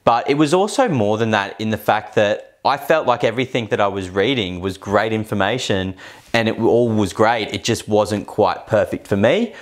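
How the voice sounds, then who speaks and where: A man speaking in a fairly low voice on a podcast. He sounds reflective and a little hesitant, often using filler words while he works out his thoughts. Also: normal speed. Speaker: podcast co-host. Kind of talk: casual podcast chat.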